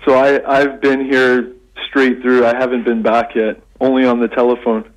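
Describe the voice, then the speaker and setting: A middle-aged Canadian man speaking over a radio phone line, his voice at an ordinary middle pitch. He talks in a halting, easygoing way, stopping and restarting as he gathers his thoughts. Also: flat delivery. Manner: halting, with many restarts and fillers. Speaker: radio guest, English lecturer.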